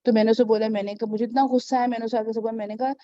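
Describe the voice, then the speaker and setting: A woman's voice: on the high side, level tone, rapid-fire, mellow, no room sound. A woman mentoring on network marketing in a casual advice vlog, telling stories in a chatty way, checking in with her listener and acting out the people she talks about. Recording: dull, lo-fi sound.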